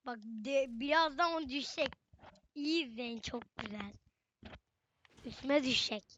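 A woman's voice: high voice, moderate pace, a bit bright, highs cut off, a little hiss or hum. A young woman giving casual, chatty gameplay commentary, often exclaiming and talking straight to her viewers. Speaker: gaming channel host.

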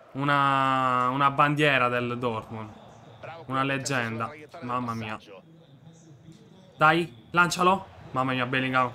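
A young man with a dry, sore throat, commentating on his own football video game match, muttering one moment and shouting the next. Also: mid-range voice. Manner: swings from muttering to shouting at goals. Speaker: gaming video creator.

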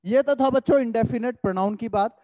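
A young man teaching an online English class, telling a story in an animated, chatty way and dictating sentences slowly. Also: very high voice, no echo, lo-fi sound.

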